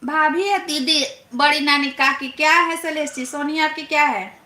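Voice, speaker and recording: A woman's voice: sits high, bright, forceful tone. A young woman hosting a casual live stream, teasing viewers and reading their comments aloud. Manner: teasing, playful, drawn-out questioning. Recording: echoey room, faint background noise.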